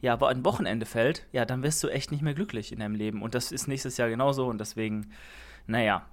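A man's voice: medium pitch, fast talker. A young man chatting on a casual podcast. He rambles and restarts his sentences, filling the gaps with hesitations. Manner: rambling, many fillers and restarts. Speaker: podcast co-host.

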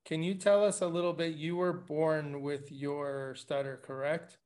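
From his living room over a video call, a middle-aged Latin American man hosts an interview podcast, asking long questions and restarting often. He speaks fairly high but level, unhurried, with a darkish tone.

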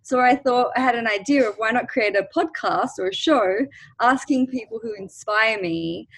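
A woman's voice: on the high side, normal speed, fairly bright tone, poor audio. Woman, podcast guest, from Australia, bubbly, eager, video call. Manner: bubbly and enthusiastic. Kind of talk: casual interview.

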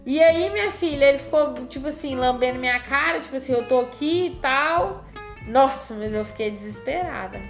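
High-voiced Mineira woman telling stories. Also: brisk, roomy sound, faint music behind. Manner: expressive, dramatic storytelling. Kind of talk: casual chat, storytelling.

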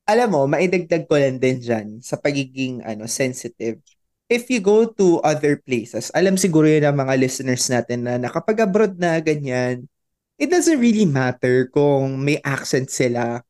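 A man with a Filipino accent co-hosting a casual talk show, animated and laughing often, switching between Filipino and English. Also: mid-range voice, normal speed. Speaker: podcast co-host, teacher. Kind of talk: casual chat.

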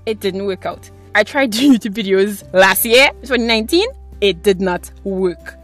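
Recording her solo podcast in a tiny closet at home, this twenty-something host chats in a rambling, self-deprecating way. Her voice is medium-pitched and fairly bright, moving at a moderate pace over soft background music.

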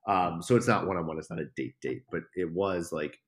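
A man's voice: low voice, fairly quick. A young man, a podcast guest, telling a story casually, swearing and acting out the people in it. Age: young adult. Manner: animated, swearing, acts out quoted lines.

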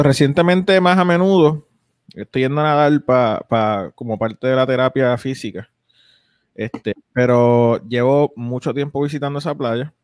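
A young American man hosts a casual podcast, rambling along with plenty of fillers and restarts. His voice is mid-range, and the studio-quality recording has no room sound.

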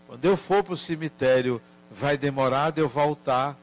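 A man voicing his sad four-year-old grandson in a soft, halting, tearful way, in a spoken story. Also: mid-range voice, lightly acted.

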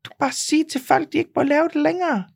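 A woman's voice: high-pitched, fairly even intonation, creaky, darkish tone, no room sound, studio quality. A woman with a North Jutlandic Danish accent, co-hosting a podcast in casual chat and protesting her opinions emphatically. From North Jutland, Denmark. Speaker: podcast co-host.

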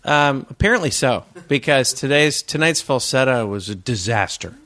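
A man's voice: medium pitch, expressive, moderate pace, a bit bright. A man co-hosting a live comedy podcast before an audience, playful and dropping into silly voices. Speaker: podcast co-host. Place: hotel room with live audience.

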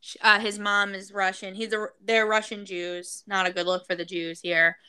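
Chatty woman with a bright voice. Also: medium pitch, level tone, moderate pace, clean tone, no echo. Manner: chatty, recounting with many fillers. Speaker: podcast co-host. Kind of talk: casual gossip chat.

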